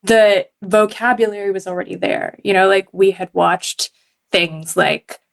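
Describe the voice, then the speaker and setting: Slightly slow and creaky, this mid-range voice belongs to a Hong Kong journalist on a podcast. She chats casually, full of fillers, and laughs often.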